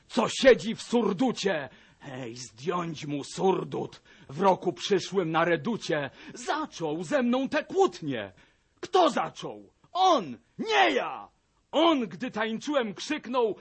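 A bellowing, sneering army major. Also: male voice, sits high, creaky, breathy edge, heavily acted. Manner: shouting, mocking, boastful ranting. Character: blustering middle-aged Russian army major. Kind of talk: radio drama acting.

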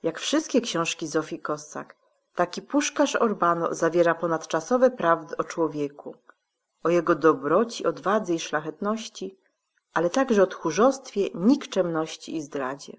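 Female radio host, formal and measured, reading a prepared script in a lowish voice. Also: expressive. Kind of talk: scripted presentation.

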